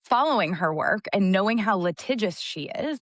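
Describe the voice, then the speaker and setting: A woman telling a story in a casual podcast chat, fired up and rushing through long run-on sentences. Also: medium pitch, lively intonation, no room sound, clean studio sound. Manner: impassioned, rapid run-on storytelling.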